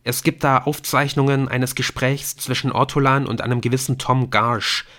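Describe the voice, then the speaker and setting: A man's voice: mid-range voice, fairly even intonation, moderate pace, a bit bright, pitched above the performer's own voice, close to an everyday voice. A man voicing an eager young man sharing good news in an audiobook.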